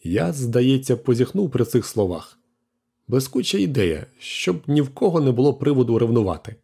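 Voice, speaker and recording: A man's voice: mid-range voice, very animated, normal speed, gravelly, dark tone, husky. A man narrating an audiobook, telling the story plainly and voicing the crew with small shifts. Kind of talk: scripted narration.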